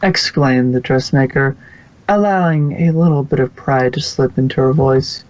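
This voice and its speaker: Narrating a fan fiction story from a script, this man has a medium-pitched, slightly mellow voice and a moderate pace. Now and then he trips over a word and rereads it, all captured on a somewhat muffled recording.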